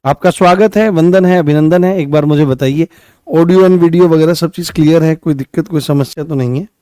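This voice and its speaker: A man's voice: on the high side, moderate pace, warm tone, clean tone, no echo, clean studio sound. A man teaching an online grammar class, repeating key words and asking and answering his own questions.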